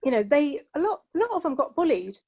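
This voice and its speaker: With a high voice, big pitch swings, a fast pace, creakiness and a slightly mellow tone, this middle-aged panel guest from England speaks in a British accent. Her reflections are personal and heartfelt, sprinkled with "you know."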